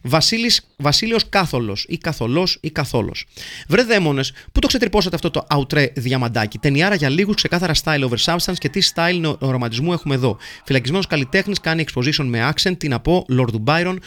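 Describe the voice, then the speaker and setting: A man's voice: on the high side, animated, fairly bright tone. A man hosting a podcast, reading listener messages aloud in a playful, jokey way and rattling through lists of names. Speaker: podcast host.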